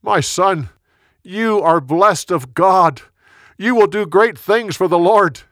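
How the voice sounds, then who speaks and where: A man's voice: a little high, sing-song, takes it slowly, fairly bright tone, no room sound, studio quality, voice pushed up, exaggerated voice. A man voicing a remorseful, fatherly older king who declaims with emotion in a told story.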